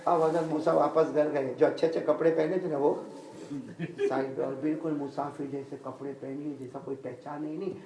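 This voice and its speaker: A man preaching a storytelling sermon in a mosque, speaking dramatically and swinging between loud and hushed delivery. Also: fairly high pitch, level tone, normal speed. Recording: echoey mosque hall, faint ambient noise.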